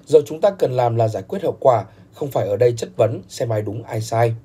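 Male narrator doing a calm, caring older brother with a husky voice. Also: medium pitch, fairly quick. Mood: concerned. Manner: gentle, concerned.

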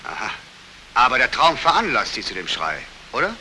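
A middle-aged army colonel, brusque and patronizing. His clipped speech is very forceful and moves up and down a lot. The old 1940s film track hisses faintly. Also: mid-range voice, very animated, a little fast. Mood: skeptical. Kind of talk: 1940s German film acting. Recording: hissy 1940s film soundtrack.

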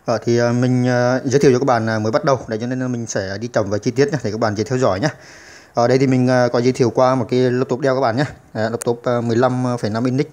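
Brief: male tutor, rapid delivery, halting with fillers, patient repeats, beginner computer lesson. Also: mid-range voice, fairly even intonation, a little mellow. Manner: hesitant, many filler sounds and restarts. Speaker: channel host teaching computer basics.

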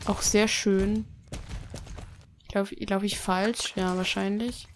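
A woman's voice: mid-range voice, little pitch movement, takes it slowly, slight background noise. A young woman chatting her way through a horse-riding video game, reading quest text aloud and grumbling when she gets lost. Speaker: Let's Play gamer. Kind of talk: casual gameplay commentary.

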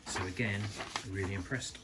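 A man calmly reviewing a small pocket knife, thinking aloud and correcting himself as he goes. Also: low-pitched, moderate pace, heavy background noise. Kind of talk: casual product review narration. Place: indoors at a table, filming hands close up.

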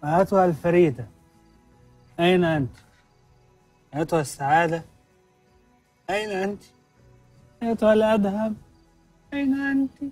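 A man's voice: high-pitched, lively intonation, very fast, fairly bright tone, no echo, recorded from a distance, soft background music. A lovesick melodramatic Egyptian guy. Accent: Egyptian Arabic. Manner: theatrical laments, then whiny protests. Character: lovesick, melodramatic young man. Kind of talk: TV sitcom acting.

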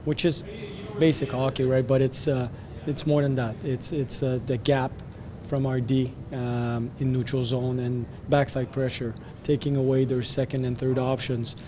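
A man with a French Canadian accent speaks in a flat, even tone, answering reporters after a hockey game. He talks in a measured way, pausing on fillers and restarting phrases. Faint rumble sits behind him. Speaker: hockey head coach. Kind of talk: post-game press interview. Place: arena media backdrop, indoors. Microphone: handheld press mics close.

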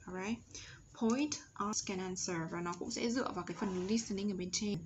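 A Vietnamese woman teaching English to young children online, drilling words slowly and stretching each sound for them to copy. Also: medium pitch, background noise. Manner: slow, exaggerated pronunciation drills.

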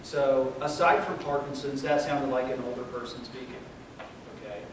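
A male university lecturer explaining to students, checking in with "okay?" and pausing on fillers. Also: medium pitch. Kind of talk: recorded classroom lecture. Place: lecture room. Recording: echoey room, distant mic, noisy.

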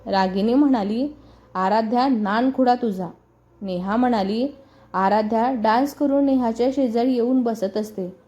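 A woman reading a serialized family story aloud, voicing all the characters' lines in her own lively storytelling voice. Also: on the high side, measured pace. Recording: muffled voice over background music.

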